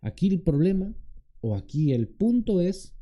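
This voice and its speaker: A man's voice: sing-song, a little slow, warm tone. A man serving as a deacon, preaching a conversational sermon that often turns to questions for the congregation and acts out quoted lines in a raised voice. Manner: acts out quoted pleading in a higher voice.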